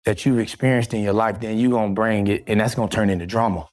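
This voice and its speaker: A man's voice: fairly low pitch, steady tone, fast, a little mellow. A man on a podcast panel giving an earnest, slangy answer, building his point step by step. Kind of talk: casual panel chat.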